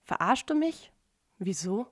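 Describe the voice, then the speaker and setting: A woman's voice: medium pitch, very animated, a little slow, no echo, clean studio sound. A woman reading aloud, voicing a drunk, queasy young woman who answers in curt mumbles. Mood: drunk, sullen.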